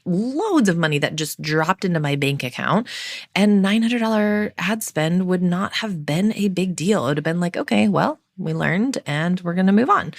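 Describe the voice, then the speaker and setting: Woman podcast host, young adult, low-pitched, heartfelt and earnest, dry studio sound. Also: no room sound. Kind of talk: personal podcast monologue.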